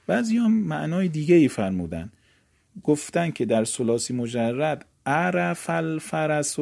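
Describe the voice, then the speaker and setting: A man giving a grammar lesson. He chants verb forms slowly and drawn out, explains in a quicker, courteous teaching manner, and stresses key words. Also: mid-range voice, mellow. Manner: courteous formal teaching phrases. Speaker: teacher of Arabic morphology. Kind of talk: recorded classroom lecture.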